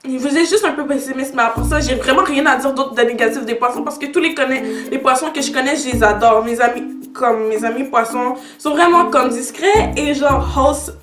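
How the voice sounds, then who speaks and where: A nineteen-year-old Canadian YouTuber chats casually and briskly to camera, sliding between French and English with a Québécois accent. Her high voice echoes in the room while steady music plays in the background.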